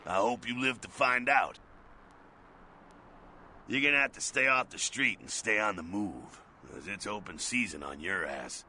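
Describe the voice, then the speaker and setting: A man voicing a gruff, streetwise male vampire helper in a video game, talking in an urgent, blunt and sardonic way. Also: on the low side, unhurried, bright, forceful tone, a little hiss or hum, full character voice.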